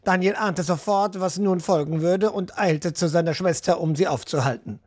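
A man narrating a fantasy audiobook in an even, storytelling manner. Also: high-pitched, normal speed.

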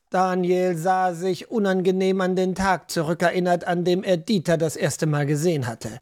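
A man narrating a fantasy audiobook in an even, storytelling manner. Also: high-pitched.

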